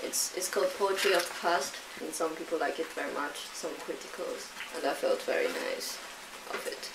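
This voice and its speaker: A low female voice with big pitch swings and vocal fry, at normal speed, belongs to a young poet and singer from China, native in Chinese. Interviewed for a documentary, she reflects in English while searching for words, heard through a far-off mic in a roomy space with faint noise.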